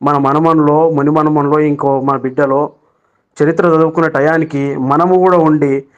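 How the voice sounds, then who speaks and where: A man's voice: a little high, flat delivery, normal speed, clean tone. Man leaving an urgent lo-fi voice message. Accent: Telangana Telugu. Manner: urgent and preachy, with frequent restarts. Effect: recorded voice message sent to a chat group. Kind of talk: persuasive political voice message. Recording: lo-fi phone voice note.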